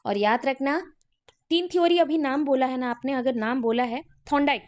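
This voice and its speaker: A woman's voice: sits high, normal speed, a little mellow, muffled recording. A woman teacher lecturing a class in a classroom, who repeats key names and quizzes her students.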